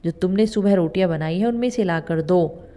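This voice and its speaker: A woman voicing a stern, quick-tempered elderly father in a spoken storybook tale. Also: fairly low pitch, warm tone, close to an everyday voice. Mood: concerned. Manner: stern, scolding lines.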